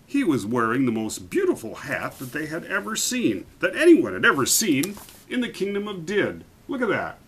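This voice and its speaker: A man reading a picture book aloud to children, animated and stopping to point out the pictures. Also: fairly high pitch, normal speed, a little hiss or hum, low-quality recording.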